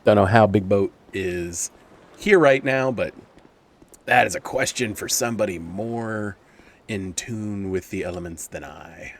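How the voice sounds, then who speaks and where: A man's voice: fairly low pitch, measured pace, slight background noise. A man giving casual, joking commentary while playing a video game, talking to himself and swearing at enemies.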